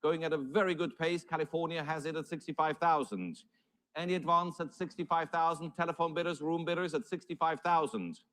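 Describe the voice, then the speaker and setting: A man's voice: on the high side, brisk, fairly bright tone. A man working as an auctioneer, calling numbers and bids live in formal, courteous patter.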